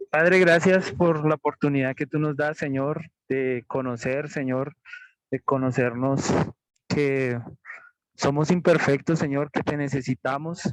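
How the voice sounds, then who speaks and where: A man saying a spontaneous closing prayer, halting and humble, repeating "Lord" between phrases. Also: fairly high pitch, no echo, low-quality recording. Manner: halting, slow, repeats "Señor". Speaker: group member leading prayer.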